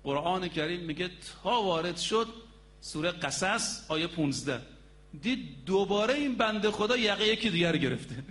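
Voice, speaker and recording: High-voiced emphatic male preacher. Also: lively intonation, a bit bright. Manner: emphatic, drawn-out stresses on key words; storytelling, addresses the audience directly. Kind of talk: sermon.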